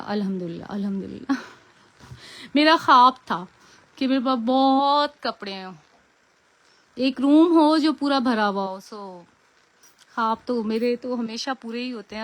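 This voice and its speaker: A woman's voice: on the high side, a bit bright. A woman with a Pakistani Urdu accent, chatting casually on a live stream as a preloved clothing seller, often repeating pious phrases and firm about fixed prices.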